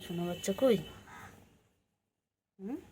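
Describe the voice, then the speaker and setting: A woman's voice: medium pitch, slow pace, warm tone, slight background noise. A woman filming her cats at home, talking baby talk to them in a cooing, sing-song way with lots of repeated words. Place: home with pets.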